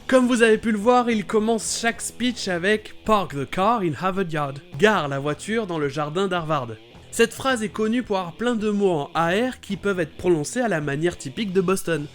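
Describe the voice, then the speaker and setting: A man with a high voice narrates a scripted explainer in a playful, enthusiastic way. He sounds animated and upbeat as he walks through pronunciation points. Faint music plays under his voice. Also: normal speed. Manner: lively, playful, exclamatory. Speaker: YouTube host explaining English pronunciation.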